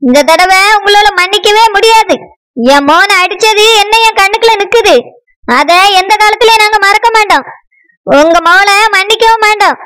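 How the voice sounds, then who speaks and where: A woman's voice: very high voice, normal speed, bright, forceful tone. A woman voicing a stern, unforgiving mother-in-law who accuses her son's in-laws in a Tamil cartoon. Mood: scornful. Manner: scornful, accusing. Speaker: groom's mother.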